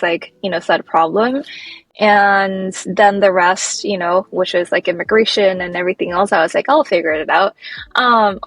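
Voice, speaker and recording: A woman in her thirties from Nepal, speaking as an interview guest with a somewhat low, husky voice. She talks casually and leans heavily on "like". The sound is dry and close, with faint music behind. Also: dry recording, rough recording. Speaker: guest, founder. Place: New York City.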